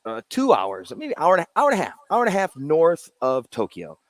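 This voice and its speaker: A man's voice: on the high side, huge pitch swings, brisk, no echo. A man, a brewery co-founder, chatting casually as an interview guest and explaining his beers. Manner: explains while showing cans, loose and chatty. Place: brewery in a Japanese spa town.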